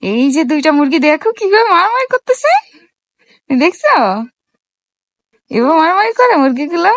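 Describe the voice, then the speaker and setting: A mother filming her small child, talking in a gentle, coaxing way and asking many little questions. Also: extremely high pitch, very animated, moderate pace, no echo. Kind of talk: casual vlog talk to a small child.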